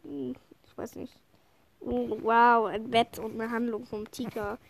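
A woman chatting excitedly while playing a game with friends, giggling often, with a slight cold. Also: fairly high pitch, measured pace, creaky, slight background noise. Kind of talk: casual gameplay chat.

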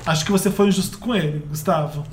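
Guy hosting a podcast, talks fast and kinda high, echoey room with some faint noise. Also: over a noisy crowd. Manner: quick, joking banter. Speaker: podcast host. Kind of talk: casual podcast chat.

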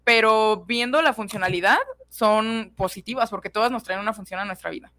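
A young adult woman, a psychologist calmly explaining emotions in a casual radio chat. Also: medium pitch. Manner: calm, explanatory, measured. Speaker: psychologist co-host.

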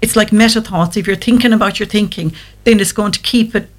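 A woman appears on a show as a guest anxiety therapist, giving explanatory advice in an interview. Her mid-range voice moves fairly quickly.

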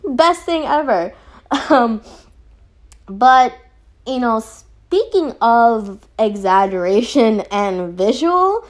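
A woman's voice: fairly high pitch, takes it slowly. A young woman reviewing an anime in casual chat, rambling with lots of fillers and giggles. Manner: giggly, rambling, animated, frequent fillers and laughs.

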